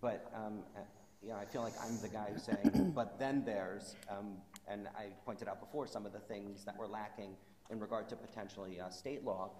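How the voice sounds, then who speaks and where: A man in his forties, a state health official, speaking on a conference panel in a measured, diplomatic way. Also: fairly low pitch, fairly even intonation, warm tone, a little hiss or hum. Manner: measured, diplomatic, gestures while talking. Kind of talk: panel discussion. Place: conference stage in a large hall. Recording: roomy hall with long reverb.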